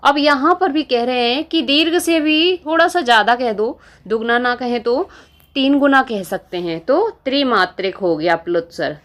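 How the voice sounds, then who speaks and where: A woman teaching Hindi grammar in a lesson video, explaining slowly, repeating key terms and asking rhetorical questions. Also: sits high, lively intonation, a bit bright. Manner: slow, repetitive explaining with frequent rhetorical questions.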